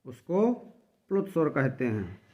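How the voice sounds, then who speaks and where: A man teaching Sanskrit grammar in a slow explanatory lesson, repeating each definition and drawing out the example sounds. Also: medium pitch, very animated, lo-fi sound.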